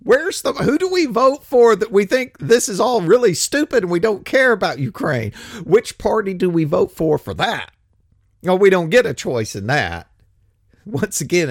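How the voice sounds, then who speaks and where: A man delivering a wandering, sarcastic monologue on politics, often chuckling at his own asides. His voice is gravelly and fairly high for a man, with pitch swinging widely. The sound is dry and close, with little room echo. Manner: sarcastic, chuckling, drifting off topic. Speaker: political commentator. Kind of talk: rambling opinion monologue.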